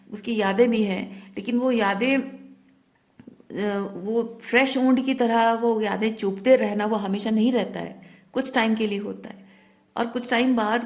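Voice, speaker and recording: A woman's voice: fairly high pitch, darkish tone. Reflective woman giving spiritual guidance. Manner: reflective, mixes Hindi with English words. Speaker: tarot reader.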